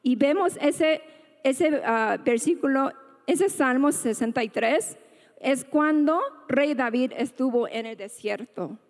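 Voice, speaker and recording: A woman's voice: sits high, slow. A woman giving an earnest testimony sermon at church, talking conversationally and often tagging her sentences with little questions. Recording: long reverb of a large hall.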